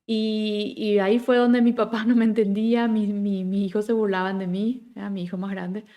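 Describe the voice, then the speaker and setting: A middle-aged woman with a Paraguayan Spanish accent teaches German pronunciation in an online lesson. She carefully models each German example word and repeats it slowly. She keeps checking in with short tag questions, keeping the pace chatty and friendly. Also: mid-range voice, little pitch movement, lo-fi sound. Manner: checks in constantly with "¿ya?" and "¿ok?".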